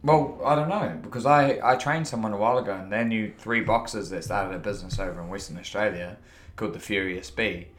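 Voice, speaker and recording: Deep-voiced man with a broad Kiwi accent. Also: a little fast, hardly any pauses. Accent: broad New Zealand. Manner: laid-back, slangy, matey. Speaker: podcast guest. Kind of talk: casual chat.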